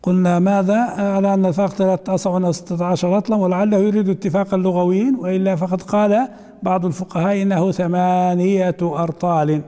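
A man's voice: sits high, flat delivery, fast, mellow, long reverb tail. A man teaching a hadith commentary, reading the text aloud, then explaining it in colloquial asides and putting questions to his class.

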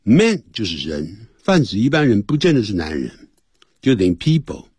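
A male English teacher on a radio lesson, his husky voice swooping high and low as he explains. He switches between Chinese explanation and slow, careful English readings, close to a dry studio mic. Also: wildly swooping pitch, a little mellow, dry recording. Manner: explains Chinese and English in turn, reads phrases slowly.

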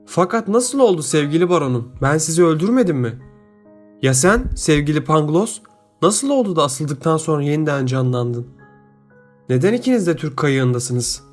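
A man's voice: a little high, lively intonation, moderate pace, faint music behind, natural voice. A man reading an audiobook, voicing a naive, earnest young man who talks eagerly and exclaims often.

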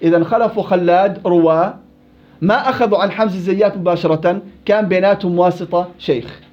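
Male recitation teacher; high-pitched and quizzing, on a muffled lo-fi recording. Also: steady tone, a little fast. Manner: questioning, explains with examples and quoted verses. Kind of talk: classroom lesson with questions to students. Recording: dull lo-fi classroom recording.

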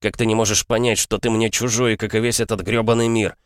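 A man's voice: on the low side, fairly quick, no room sound, studio quality, voice pushed up, close to an everyday voice. A man voicing a defiant young man held captive, heated and indignant, in an audiobook. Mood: furious. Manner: heated, indignant, sharp outbursts. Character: young man trapped in a strange world, angry and defiant. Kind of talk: audiobook character voice.

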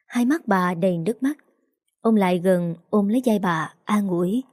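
A woman reading a novel aloud in a steady, even way as the narrator. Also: mid-range voice, moderate pace, dry recording, clean studio sound. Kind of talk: scripted story narration.

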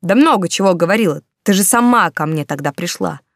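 A woman voicing a hot-tempered young man who argues loudly in blunt slangy speech, jilted by his lover. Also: on the low side, expressive, brisk, no echo, studio quality. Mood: bitter, shouting.

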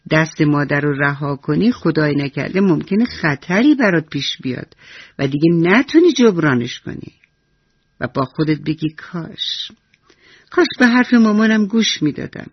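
A woman voicing a kind, patient old grandfather who speaks slowly and softly, on a dull lo-fi radio recording. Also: low voice, breathy edge, dry recording. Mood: tender.

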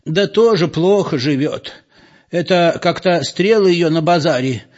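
Male reader doing tipsy old villagers, argumentative and lively. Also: fairly high pitch, a little slow, pitched above the performer's own voice, natural voice. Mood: arguing. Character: tipsy old villagers arguing over memories. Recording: dull lo-fi audiobook recording.

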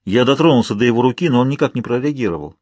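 Husky man narrating an audiobook. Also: mid-range voice, lively intonation, racing, darkish tone, dry recording. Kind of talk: first-person audiobook narration.

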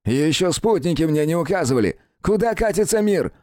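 Man doing an arrogant shrill young prince. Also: expressive, fairly quick, darkish tone, dry recording, clean studio sound, natural voice. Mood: outraged. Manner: haughty, shrill outrage.

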